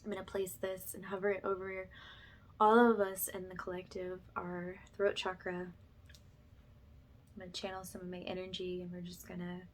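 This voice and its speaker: In a whispery, breathy, soft voice, a woman guides the listener slowly and haltingly in a soothing ASMR energy-healing style. She speaks low and monotone, and a faint hiss or hum runs under the audio.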